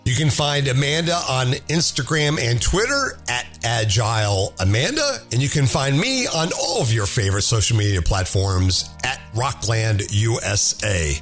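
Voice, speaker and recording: A man's voice: mid-range voice, normal speed, few pauses, faint music behind. Upbeat man in his fifties hosting. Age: 50s. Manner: animated, upbeat, jokey. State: hoarse from laryngitis. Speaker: podcast host. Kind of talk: casual podcast chat.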